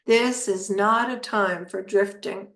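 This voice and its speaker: A woman guides a meditation at a very slow, soothing pace, leaving long pauses between short phrases. Her voice sits at a middle pitch. The sound is roomy, with noticeable echo around her words. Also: fairly even intonation, fairly bright tone.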